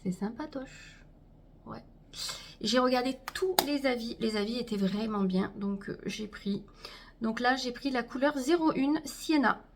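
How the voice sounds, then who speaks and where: A chatty woman unboxes makeup at home, her voice pitched a little high. She talks straight to her viewers and trails off with fillers as she goes. A faint hiss sits under the recording. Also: measured pace. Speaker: beauty vlogger. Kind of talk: casual haul unboxing chat.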